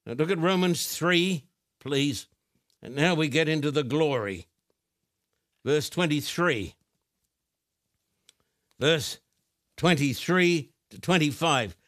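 A man preaching a sermon on television, his voice pitched a little high. He reads scripture in a slow, deliberate, emphatic way and addresses the viewers at home directly. The studio sound is dry and close. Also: animated, fairly bright tone, no echo.

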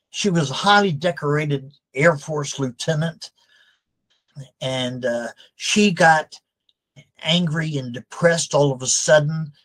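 An older man answering interview questions as a deliverance counselor, measured and hesitant with many fillers. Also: a little high, a bit bright, low-quality recording.

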